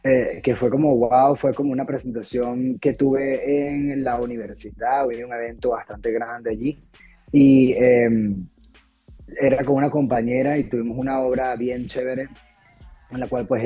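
A Venezuelan actor, appearing as a guest on a video call from a room at home, chats casually about his stage roles, rambling with many fillers and restarts. His husky, mid-range voice keeps a steady tone at a moderate pace, and the call audio is dull and lo-fi with faint music.

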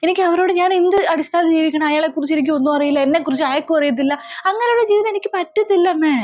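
A woman's voice: very high-pitched, racing, a little mellow, dull audio. A woman playing a young adult daughter in a comedy sketch, arguing back insistently. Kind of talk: comedy sketch role-play.

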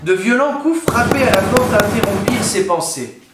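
A man reading a children's picture book aloud, with an expressive, dramatic delivery. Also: sits high, moderate pace, heavy background noise. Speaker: children's storyteller. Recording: roomy echo.

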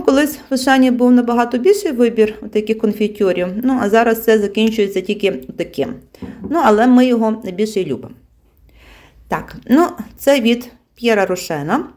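A woman's voice: on the high side, a little mellow. A woman vlogger talking casually as she unpacks her weekly groceries, chatty and full of fillers and small laughs. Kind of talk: casual chat.

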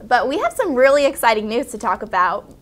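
Young American woman hosting, higher voice. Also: big pitch swings, a little fast. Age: young adult. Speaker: show host. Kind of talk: upbeat broadcast interview hosting. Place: small wood-walled studio set, indoors.

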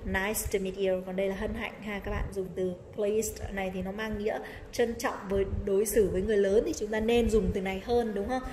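A woman teaching an English lesson to children, explaining in Vietnamese and saying each English word slowly to model it. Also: medium pitch, fairly even intonation, warm tone. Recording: echoey room with long reverb, faint noise.

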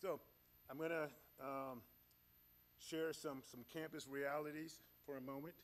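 A loud, middle-aged man delivers a live safety training presentation in a big auditorium, holding a handheld mic. His voice sits fairly high and he takes his time, staying energetic as he roams the stage.

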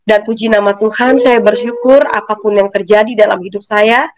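A woman giving a personal faith testimony, telling her story in an animated way and acting out the voices of people she quotes. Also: mid-range voice, moderate pace, rough recording. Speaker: testimony giver.

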